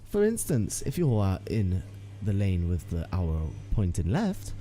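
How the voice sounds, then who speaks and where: A man's voice: low voice, wildly swooping pitch, measured pace, dark tone, soft background music. A young man giving casual, joking commentary as he plays a game and chats to viewers. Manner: chatty, joking asides to viewers. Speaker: gaming streamer.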